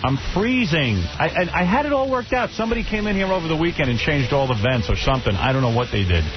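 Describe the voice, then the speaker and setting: A man's voice: on the high side, animated, fast, highs cut off, music in the background. A male radio host in his studio, trading crude, joking banter with his co-host and a guest.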